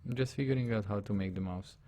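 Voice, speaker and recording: Here a man with a fairly low, dark-toned voice speaks at a quick pace. Hungarian by birth and accent, he walks viewers through a live drawing lesson step by step, describing what he does on screen and frequently making sure they're following along.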